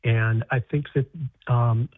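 A man's voice: medium pitch, steady tone, dry recording. An American man talks as an author guest in an interview, stumbling and restarting his sentences often. His voice comes through a tinny, phone-like line. It sounds dry, with no room around it. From United States. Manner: halting, many restarts and repeated words. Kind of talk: interview conversation.

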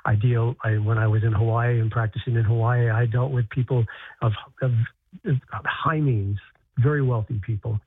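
A man's voice: mid-range voice, steady tone, breathy edge, no room sound. An American man talks as an author guest in an interview, stumbling and restarting his sentences often. His voice comes through a tinny, phone-like line. It sounds dry, with no room around it. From United States. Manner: halting, many restarts and repeated words. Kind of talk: interview conversation.

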